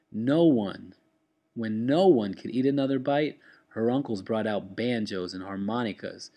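A man with a lowish voice reads a chapter book aloud for his class. He paces the story with steady pauses and lets his tone follow the scenes. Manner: steady, expressive reading with pauses. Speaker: teacher. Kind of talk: reading a story aloud to students.

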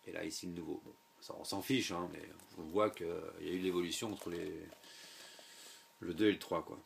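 A man with a low, gravelly voice talks casually through an unboxing. He hesitates often and sounds offhand and unimpressed. A faint hiss sits under the recording. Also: steady tone, a little fast. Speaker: video game unboxing vlogger.

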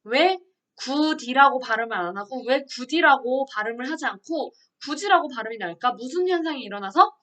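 Woman teacher, online lesson, bright clear voice, slightly high, patient question-and-answer explaining. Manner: explains patiently, asks students questions and answers them herself. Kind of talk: online Korean grammar lesson.

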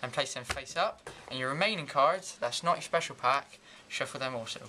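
A young man in his teens giving an informal, halting step-by-step card trick tutorial in amateur magician patter. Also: medium pitch, sharp tone, slight background noise. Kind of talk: informal step-by-step demonstration and explanation. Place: indoors at a table and whiteboard.

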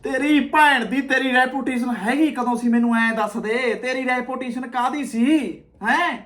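A man's voice: very high voice, fairly even intonation, moderate pace, fairly bright tone. A man with a Punjabi accent giving mocking, abusive reaction commentary on video clips, often laughing. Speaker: comedy reaction creator.

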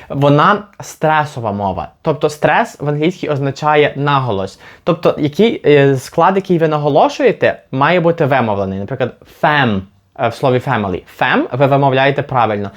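A man from Ukraine teaching an English lesson, patiently repeating example words slowly to demonstrate them. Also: mid-range voice. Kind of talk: language lesson.

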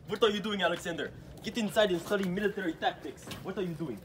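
A stern tsar father, acted by a man in a skit, scolding his son in a quick, clipped way. His voice is pitched high above the man's usual range. Noise sits under the recording. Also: lightly acted.

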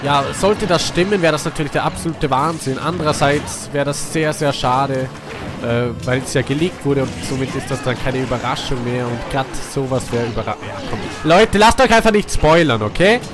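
At a moderate pace, a young Austrian man with a cold commentates casually on the video game he's playing for his gaming channel. He's excitable, bouncing between hyped shouts and quiet mumbles, with game music behind him.

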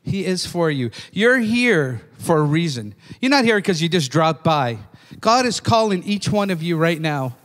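A man's voice: fairly high pitch, very animated, unhurried, hardly any pauses. An older man preaching a sermon in a church, fervent and calling out "amen?" to his listeners. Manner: fervent, repeats "amen?" to the congregation. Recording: long reverb of a church hall.

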